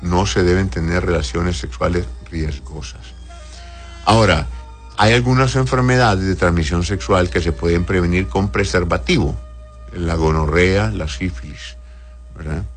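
At a measured pace, a deep-voiced male doctor answers listener messages on his call-in advice show, reading them aloud over background music. His manner is chatty and avuncular, full of endearments and frequent tags to make sure people follow.

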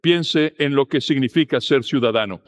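A man preaching a sermon, speaking in a steady, earnest teaching manner. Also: mid-range voice, normal speed.

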